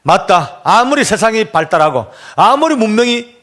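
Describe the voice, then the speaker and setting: A man's voice: high voice, very animated, normal speed, a bit bright. A man, a church elder, giving an emotional testimony in sermon style and acting out the dialogue as he tells the story.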